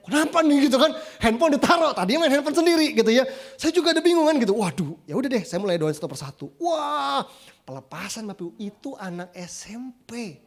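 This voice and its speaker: Man, high-pitched voice, chatty storytelling sermon, church. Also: fast. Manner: lively, chatty, acts out quoted voices. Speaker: preacher.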